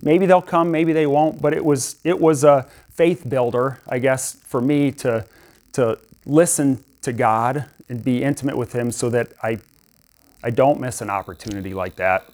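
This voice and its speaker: A man's voice: medium pitch, steady tone, moderate pace, darkish tone. Conversational man preaching an informal sermon. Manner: conversational, storytelling, many restarts.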